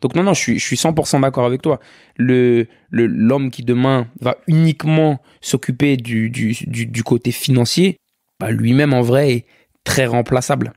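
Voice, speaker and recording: A man in his twenties, a podcast guest from France, talking relaxed and reflective in casual conversation, often checking in with "you see". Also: medium pitch, normal speed, no room sound, studio quality. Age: 20s. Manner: relaxed, many restarts and "tu vois".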